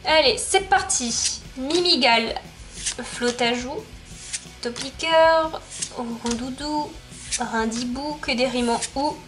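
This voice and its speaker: A woman's voice: high voice, takes it slowly, a bit bright, soft background music. A woman YouTuber giving casual, chatty commentary as she opens card packs, reading off card names and laughing often.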